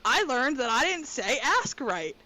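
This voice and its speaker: A woman co-hosting a casual podcast chat from her bedroom, talking quickly and excitably. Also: high voice. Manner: fast, excitable talker. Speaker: podcast co-host. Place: bedroom at home. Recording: dull lo-fi with faint noise.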